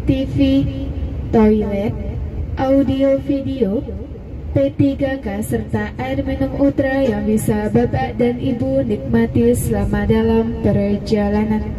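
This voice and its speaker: A woman's voice: a little high, fairly even intonation, slow. A woman giving a polite, formal scripted passenger announcement in the manner of a flight attendant, recorded inside a coach. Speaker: bus flight-attendant-style stewardess. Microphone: phone in a seat, far from speaker. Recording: distant cabin speaker with music behind.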